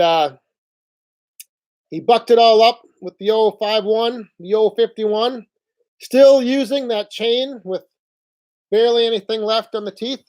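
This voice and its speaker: A man hosting a casual live stream from home on his phone, rambling along in a relaxed way and reading out viewer chat. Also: high voice. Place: indoors at home.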